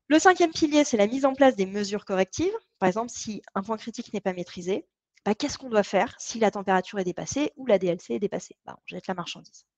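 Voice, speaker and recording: A woman, co-founder of a company, leading an online training session in a chatty, explanatory way with frequent hesitations. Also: mid-range voice.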